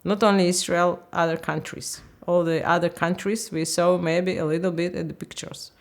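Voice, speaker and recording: A woman in her fifties from Ukraine, speaking English, talks haltingly in a candid interview and often searches for words. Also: lowish voice, flat delivery. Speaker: interviewee, language teacher.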